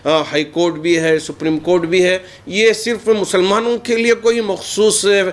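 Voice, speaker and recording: A high-pitched man speaks at normal speed with a flat delivery, giving a statement as a cleric. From India, he uses formal, Urdu-laced wording and an earnest manner, as if addressing the news media.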